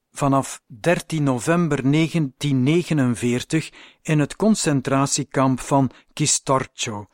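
A man gives plain, factual scripted narration at a middle pitch. The recording is dry and close, with no room sound. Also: a little mellow, no echo.

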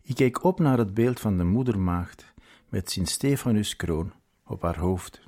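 A man reading a story aloud in a measured, scripted narration. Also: lowish voice, expressive, mellow.

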